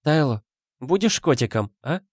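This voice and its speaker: A man voicing a timid, tired pregnant young wife who speaks softly and meekly. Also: on the high side, lively intonation, normal speed, dry recording, studio quality, voice pushed up. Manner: soft, meek.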